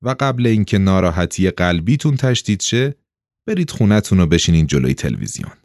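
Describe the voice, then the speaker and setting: A man doing a calm, unshakable official. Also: low voice, dry recording, clean studio sound. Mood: cool, firm. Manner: steady, unflustered, firm.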